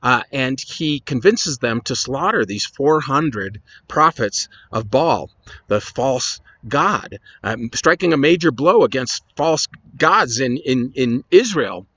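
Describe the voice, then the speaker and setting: A man's voice: mid-range voice, expressive, slow, a bit bright, no room sound, lo-fi sound. A man, a pastor, retelling Bible stories in a casual, conversational lesson with chatty asides.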